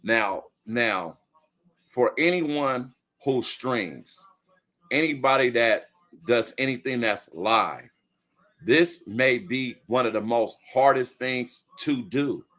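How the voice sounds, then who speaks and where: A man's voice: medium pitch, expressive, takes it slowly, fairly bright tone. A man in his forties chatting casually on a live stream, telling stories in a laid-back, slangy way. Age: 40s.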